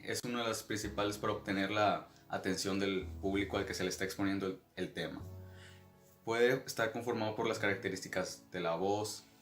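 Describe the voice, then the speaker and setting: A man's voice: lowish voice, steady tone, brisk, soft background music. A man opening a class presentation, reading out a definition. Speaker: student presenter. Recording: echoey room.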